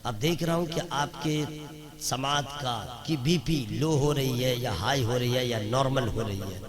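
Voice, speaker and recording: A man giving a religious sermon at a public gathering, swinging from loud chanted lines to quick conversational asides and mimicked voices. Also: medium pitch. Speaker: religious speaker. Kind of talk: Urdu religious sermon to a crowd. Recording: crowd noise behind. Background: crowd.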